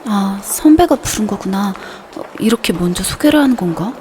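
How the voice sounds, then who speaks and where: A woman's voice: medium pitch, lively intonation, normal speed, mellow, slight background noise, close to an everyday voice. An actress playing a shy, easily flustered, earnest young woman in a romance audio drama, timid and polite in her speech. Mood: shy, hesitant. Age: young adult. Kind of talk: romance audio drama acting with inner monologue.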